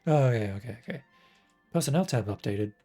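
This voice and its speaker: A man's voice: medium pitch, expressive, brisk, dark tone, faint music behind. A man casually commenting on a video game during a live stream, rambling and thinking aloud.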